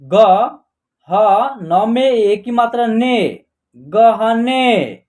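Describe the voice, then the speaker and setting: A man's voice: very high voice, expressive, darkish tone. A man teaching an online Hindi lesson, patiently sounding out letters and words one at a time. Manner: slow and patient, repeating and sounding out each letter.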